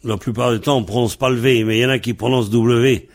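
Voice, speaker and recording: A Breton man leads a lesson in the Breton language, carefully spelling words out one letter at a time. His voice sits at a medium pitch with a fairly even intonation.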